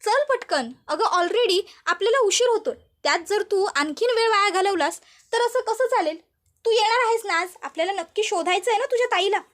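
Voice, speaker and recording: An impatient young man urging his wife to hurry, voiced plainly by a woman storyteller. The voice stays very high, with no attempt at a deep male tone. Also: animated, fairly quick, fairly bright tone.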